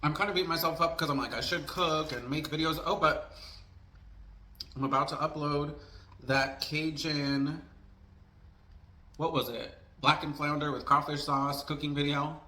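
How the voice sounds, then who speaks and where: A man with a slightly high, bright voice talks casually to his viewers. He rambles and vents candidly, like a food vlogger telling stories over a meal. The room is echoey, with a little background noise. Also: steady tone, moderate pace, pauses often. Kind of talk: casual mukbang storytime chat to camera.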